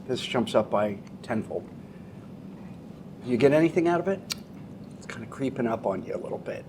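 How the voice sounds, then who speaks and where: A man's voice: medium pitch, expressive, normal speed, noisy background. A man hosting a casual interview and food challenge, informal, coaxing and teasing as he talks. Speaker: interviewer and host of a wing challenge. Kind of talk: casual chat.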